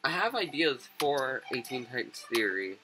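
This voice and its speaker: Male gamer, casual rambling playthrough commentary, lively pitch, slightly sick-rough voice, game music behind. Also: normal speed, rough recording. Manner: casual, rambling, sudden excited yelps at the game. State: voice a little rough from being sick. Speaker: gaming video creator.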